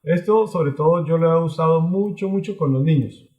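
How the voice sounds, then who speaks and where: A man teaching an online language lesson, explaining patiently and slowly, often repeating phrases. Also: fairly high pitch, warm tone, reverberant, muffled recording. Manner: slow, patient explaining with many repetitions.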